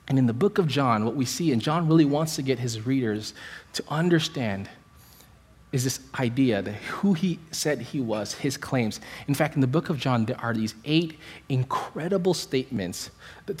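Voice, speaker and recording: A male pastor delivering a sermon, his voice a little husky and set fairly high for a man. He talks in animated bursts and often stumbles over repeated words as he restarts.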